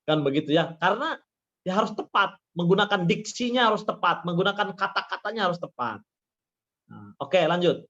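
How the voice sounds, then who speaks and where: A man's voice: high voice, expressive, normal speed, fairly bright tone. A man who is a university lecturer, giving a webinar talk through slides, who repeats his phrases and leans on fillers like "ya" and "nah". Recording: dull lo-fi webinar audio.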